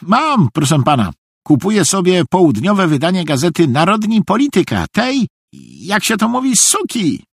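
A naive, good-natured middle-aged soldier, put on by a man reading an audiobook, talking in a high, bouncing, earnest voice that rambles on. The tone stays husky and close, with no room around it. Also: very animated, normal speed, no echo, full character voice. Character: cheerful simple-minded middle-aged male soldier, earnest.

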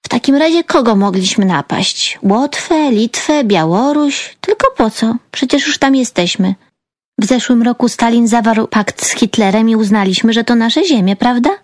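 A woman doing a cheeky, high-pitched teenage girl. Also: moderate pace, dry recording, studio quality, lightly acted. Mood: teasing. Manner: mocking, giggly, provocative.

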